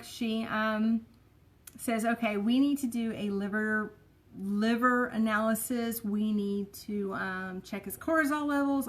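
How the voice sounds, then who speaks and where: A woman talks in a loose, rambling way, full of fillers and little asides. Her voice sits a touch high. It sounds like an easy, unscripted home vlog chat. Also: a bit bright. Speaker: vlogger. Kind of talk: casual chat.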